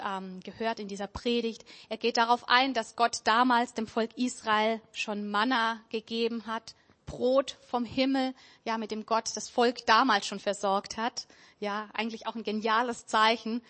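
A woman giving a sermon in an earnest, conversational way, often pausing with fillers. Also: a little high, a bit bright. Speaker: preacher.

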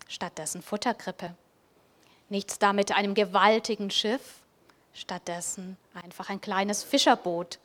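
A woman preaching a Christmas devotional in a quiet, reflective way. She speaks straight to the listener and often sinks into a soft, breathy near-whisper at the end of her thoughts. Her pitch sits in an ordinary middle range.

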